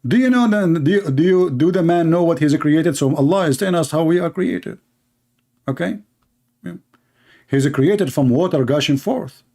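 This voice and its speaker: Fairly high in pitch and mellow, this man talks at an ordinary speed. Hosting a live online debate in English, the Arabic-native host mocks and needles with sarcastic stress.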